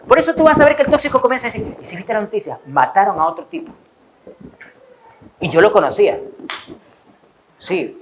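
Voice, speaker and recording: A man's voice: high-pitched, noisy background. A man giving a conversational sermon as a pastor, with self-deprecating humor and acted-out snippets of dialogue.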